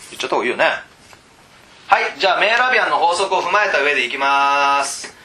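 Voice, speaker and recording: Talk like a man coaching new tutors, bright and lively, quizzing the room, loud then suddenly hushed. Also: on the high side, fast. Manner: chatty, keeps asking the room questions; swings between loud and hushed. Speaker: teacher trainer. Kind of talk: lecture to tutors. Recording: roomy echo.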